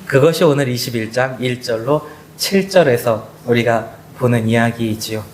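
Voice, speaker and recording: Impassioned preacher in an echoey church. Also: male voice, moderate pace, slight background noise. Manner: impassioned preaching, swings high and low, acts out quoted voices; addresses the congregation directly. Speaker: pastor. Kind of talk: Sunday sermon. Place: church sanctuary.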